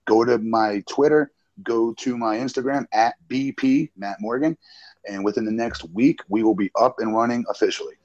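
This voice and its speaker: A man's voice: mid-range voice, normal speed, darkish tone, dry recording. Brash man in his forties, lo-fi. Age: 40s. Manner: brash, boastful banter. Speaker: guest wrestler. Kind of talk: casual podcast chat.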